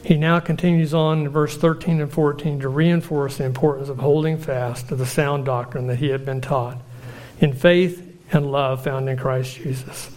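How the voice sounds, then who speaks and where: A man delivers a sermon in a slightly high voice. He speaks earnestly and at a measured pace, drawing out lists of phrases for emphasis. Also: steady tone, a little mellow. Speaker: preacher.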